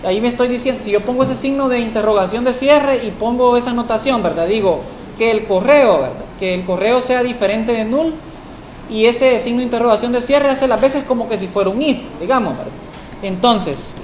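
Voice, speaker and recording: Woman, programming teacher, slightly high voice, checks in with the class after every phrase, reverberant classroom. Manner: tags nearly every phrase with a questioning aside. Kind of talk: live classroom software tutorial. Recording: echoey room with faint background noise.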